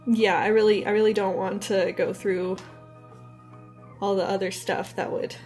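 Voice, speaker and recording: A woman's voice: medium pitch, little pitch movement, moderate pace, darkish tone, faint music behind. A young adult woman vlogging in a casual, candid, rambling way, telling personal stories and swearing now and then. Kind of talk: casual personal storytelling to camera.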